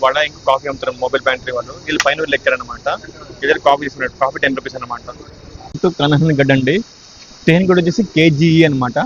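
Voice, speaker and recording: A man's voice: steady tone, racing. A man chatting enthusiastically as he vlogs a train journey, recorded on a phone inside the moving carriage. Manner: chatty, enthusiastic, mixes English words into his talk. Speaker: train travel vlogger. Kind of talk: casual on-train vlog narration. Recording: dull lo-fi phone audio with train rumble. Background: train noise.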